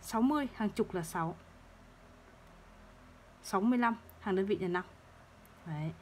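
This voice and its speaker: A woman teaching third-grade math, explaining place values slowly and patiently and repeating each number. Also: mid-range voice, a little mellow, a little hiss or hum. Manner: slow, patient, repeats numbers to drill them.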